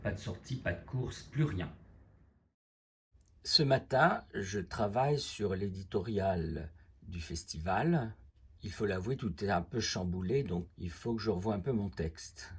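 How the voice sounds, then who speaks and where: A man's voice: on the low side, measured pace, fairly bright tone, husky. A man narrating a casual video diary from his home, speaking in a chatty, matter-of-fact way. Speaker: vlogger. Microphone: iPhone.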